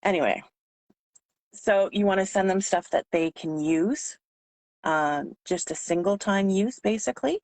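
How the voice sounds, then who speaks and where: A woman whose voice is hoarse and giving out, talking informally as a trainer explaining sales tips. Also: mid-range voice, measured pace, darkish tone, no room sound. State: losing her voice, hoarse. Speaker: sales trainer for direct-selling consultants.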